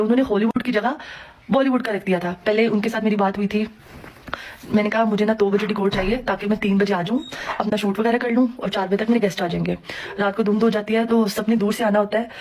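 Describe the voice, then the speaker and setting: A young woman with a Pakistani Urdu accent tells a story to the camera in a casual vlog. She talks at a brisk, rushing pace and acts out the quotes of everyone in it. Her pitch sits in an ordinary middle range. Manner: fast, animated retelling with acted-out quotes. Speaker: vlogger.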